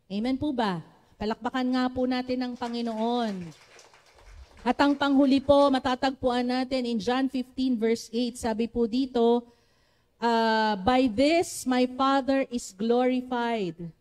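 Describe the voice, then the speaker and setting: A woman with a Filipino accent preaching a sermon to a church congregation, with a naturally loud voice, often calling on the congregation to respond. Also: on the high side, steady tone, measured pace. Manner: switches between Tagalog and English, asks the congregation for responses.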